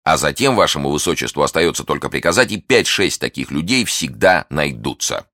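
A man reading as a steady male captain of the guard in an audiobook, formal and matter-of-fact. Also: rumbling low, brisk, dry recording, clean studio sound, full character voice. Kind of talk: audiobook character voice.

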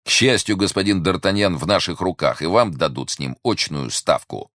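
A man's voice: low voice, moderate pace, fairly bright tone, no room sound, clean studio sound, voice pushed up. A man voicing an irritable, officious police commissioner who accuses and barks orders. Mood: accusing. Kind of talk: audiobook character reading.

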